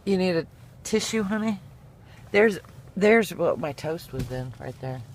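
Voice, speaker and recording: Middle-aged woman, slow casual talk, amused, far from the mic, loud car noise. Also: lowish voice, expressive. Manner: amused, often laughing. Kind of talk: casual chat. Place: inside a moving car.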